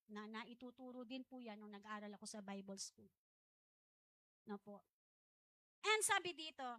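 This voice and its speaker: Filipina lady pastor preaching, high bright voice, dry close sound, chatty and rambling. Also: dry recording. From Philippines. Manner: chatty, digressive preaching with frequent asides and self-laughter. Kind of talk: conversational live church sermon.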